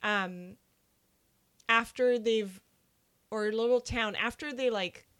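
A woman's voice: fairly high pitch, takes it slowly, fairly bright tone. A young woman co-hosting a casual movie podcast, chatty and full of "like" fillers.

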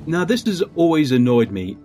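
A man's voice: on the high side, sing-song, normal speed, mellow, faint music behind. A man casually chatting while watching a TV show, making dry, opinionated remarks. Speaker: commentator reacting to a TV show. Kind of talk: casual chat.

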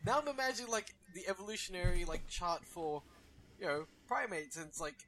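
Casual co-host, male, high and bright, playful and jokey. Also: lively intonation. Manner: playful, jokey, does quick voice impressions. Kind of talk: casual chat.

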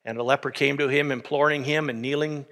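A man's voice: mid-range voice, steady tone, fast talker, fairly bright tone, big-room sound. A man preaching a sermon as pastor, teaching steadily and then rising to emphatic preaching.

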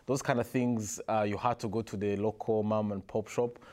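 A man's voice: on the low side, moderate pace. Man from Rwanda telling stories. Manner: relaxed storytelling with frequent restarts and soft laughs. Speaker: guest. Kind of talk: casual interview conversation.

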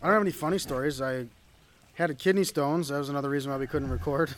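A man's voice: a little high, fairly even intonation, fast talker, slight background noise. A man co-hosting a casual podcast outdoors, tossing in dry, teasing remarks. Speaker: podcast co-host. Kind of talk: casual chat.

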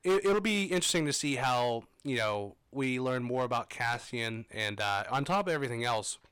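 Clear-voiced man in casual fan chat. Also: mid-range voice, animated, normal speed, fairly bright tone, dry recording. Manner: conversational, rambling with frequent asides. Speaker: podcast co-host.

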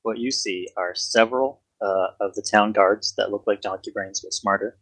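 A man's voice: lowish voice, fairly even intonation, moderate pace, fairly bright tone, no room sound, rough recording. Casual male game master, dry close sound. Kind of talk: casual improvised tabletop game narration.

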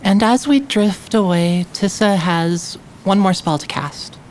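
Woman rpg player, low and unhurried, describing her character's moves, bit of background noise. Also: a little mellow, poor audio. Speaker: tabletop game player. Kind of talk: narrating character actions in a role-playing game.

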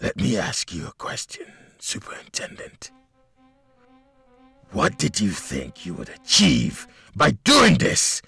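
A man voicing a menacing male villain with a gravelly voice and slow, taunting delivery. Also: on the low side, wildly swooping pitch, pushed and bright, no room sound, soft background music, pitched below the performer's own voice, exaggerated voice.

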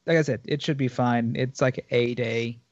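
A man co-hosting a podcast, talking in a relaxed, easygoing way. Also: mid-range voice, moderate pace, no echo. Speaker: podcast co-host. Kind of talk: casual chat. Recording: dull, dry mic.

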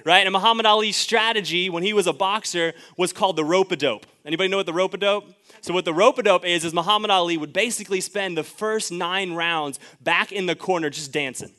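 A man's voice: high voice, quick pace, few pauses, pushed and bright. A young man preaching a sermon in a church, driving home his point with repeated rhetorical questions. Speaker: pastor. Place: church sanctuary.

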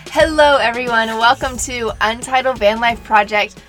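A woman co-hosting a casual podcast, upbeat and quick to laugh and gasp. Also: fairly high pitch, fairly bright tone, soft background music. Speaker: podcast co-host.

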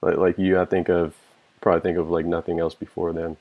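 A man's voice: low voice, level tone, brisk, narrow, tinny audio. A man guest on a music podcast, talking loosely and enthusiastically, swearing casually and filling speech with "like" and "you know.".

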